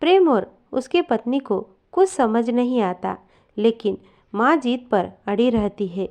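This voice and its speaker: Slow, lilting woman storyteller. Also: on the high side. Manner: measured, expressive reading. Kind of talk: scripted story narration.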